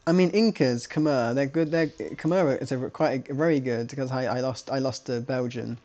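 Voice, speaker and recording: Male game caster, chatty, rambling, restarts his sentences a lot, mid-pitched voice. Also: normal speed, darkish tone. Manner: rambling, self-correcting, chatty. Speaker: esports caster. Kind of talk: live game commentary.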